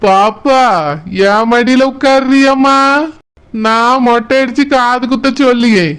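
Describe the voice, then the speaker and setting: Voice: high-pitched, steady tone, unhurried, fairly bright tone, clear, resonant tone. Teasing old village uncle, voiced for a cartoon. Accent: Kanyakumari Tamil. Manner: playful, joking. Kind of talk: cartoon voice acting.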